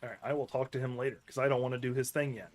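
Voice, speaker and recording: Speaking very fast with a steady tone and a mid-range pitch, this native English-speaking gaming streamer offers offhand let's-play commentary over a little hiss or hum. He rambles and backtracks, fixing his words mid-thought, and the whole thing feels like an easygoing chat with his viewers.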